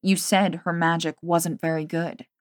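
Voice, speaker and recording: A woman's voice: fairly low pitch, level tone, measured pace, no echo, clean studio sound, close to an everyday voice. A woman narrator voicing a callous, mocking female schemer.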